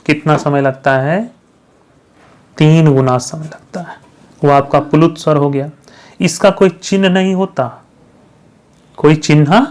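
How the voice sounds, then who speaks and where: A man's voice: a little high, a little mellow. Man teaching, quizzing viewers as he goes. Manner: repeats questions to the viewers and answers them himself; checks understanding with frequent "thik hai". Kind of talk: grammar lesson for exam candidates.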